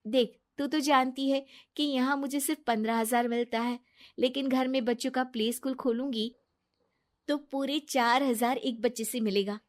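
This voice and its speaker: A woman voicing a trusting, kind-hearted young wife who speaks earnestly and gently. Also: sits high, steady tone, normal speed, close to an everyday voice.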